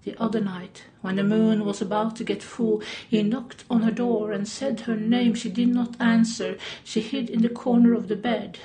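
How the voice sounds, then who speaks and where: A woman telling a fairy tale in a measured, deliberate way and sometimes speaking directly to the listener. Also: fairly high pitch, fairly even intonation, mellow, slight background noise. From Norway. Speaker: storyteller.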